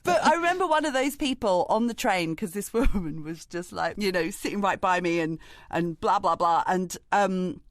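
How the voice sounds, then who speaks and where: A woman's voice: lowish voice, expressive, normal speed, few pauses, no room sound. Podcast co-host: British woman, casual storyteller, laughs easily, dry mic. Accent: British English. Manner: chatty, laughs often while telling stories. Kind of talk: casual chat.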